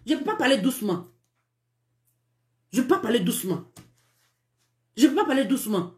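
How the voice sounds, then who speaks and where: A fast-talking woman with a high voice and a Cameroonian French accent, hosting a live stream of relationship talk. She scolds emphatically and repeats her points, laughing through her words. The sound is echoey, as if from a bare room. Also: big pitch swings, darkish tone. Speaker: live-stream dating advice host.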